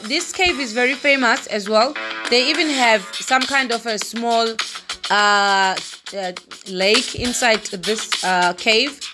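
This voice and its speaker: Rambling woman travel vlogger, higher-pitched voice, phone mic, music playing behind. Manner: chatty, rambling, laughs at herself. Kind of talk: casual travel vlog. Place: walking outdoors, then inside a cave. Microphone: handheld phone.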